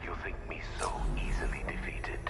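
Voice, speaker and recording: A man's voice: normal speed, roomy sound, in a whisper, over loud music, lightly acted. A man playing a menacing, taunting supervillain in a video game. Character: menacing male supervillain taunting his foe.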